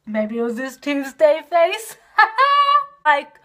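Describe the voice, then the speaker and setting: A woman doing a casual video review of a TV episode, gushing and excitable, with lots of fillers. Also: high-pitched, extremely slow.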